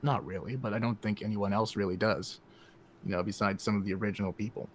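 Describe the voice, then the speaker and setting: Animated male voice actor chatting. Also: lowish voice, fast talker, slight background noise. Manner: animated, jumps in and out of character voices. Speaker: voice actor guest. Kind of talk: casual podcast chat.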